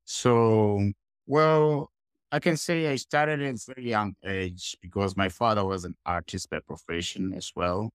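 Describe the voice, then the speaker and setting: A man from Zimbabwe speaks over a headset on a video call, his voice very low and deep. He talks haltingly, repeating words as he looks for them, and the sound is dry and close with no room echo. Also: steady tone, clear, resonant tone. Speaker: guest artist. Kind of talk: casual interview on a video call. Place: small room indoors.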